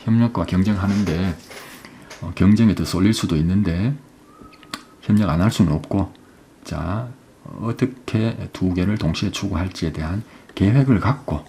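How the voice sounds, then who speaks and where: A man teaches English, working through an exam passage step by step, often asking "right?" and reading English phrases slowly. His voice is low-pitched with a dark tone, and a little hiss or hum sits in the recording.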